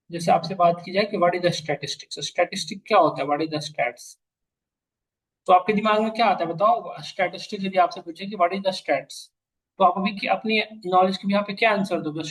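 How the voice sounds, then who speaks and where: A man teaching a class, mixing English phrases into his Hindi and repeating key lines slowly for students to write down. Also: high voice, a bit bright, husky, poor audio. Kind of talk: classroom lecture.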